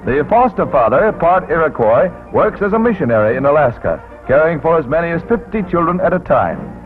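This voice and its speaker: A man narrating a 1940s wartime newsreel in a brisk announcer delivery with punchy quips, heard as old newsreel sound. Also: fairly high pitch. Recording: tinny 1940s newsreel soundtrack with loud music.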